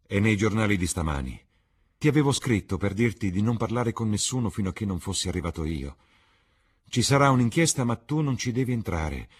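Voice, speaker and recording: Man voicing a worldly, cynical gentleman. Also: on the low side, voice pushed up. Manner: grave, smooth and coaxing. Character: worldly, cynical older gentleman, calm and persuasive.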